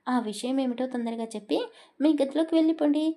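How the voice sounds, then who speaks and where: A woman's voice: high-pitched, quick pace, warm tone, pitched above the performer's own voice. A woman voicing a young heroine, startled and defensive, in an audio story.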